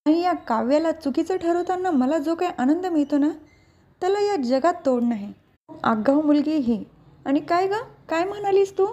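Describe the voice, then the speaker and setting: A woman's voice: high voice, expressive, normal speed, dark tone, highs cut off. A woman voicing a scheming, spiteful middle-aged aunt from a family serial, speaking in a mocking, taunting way. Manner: sneering, mocking.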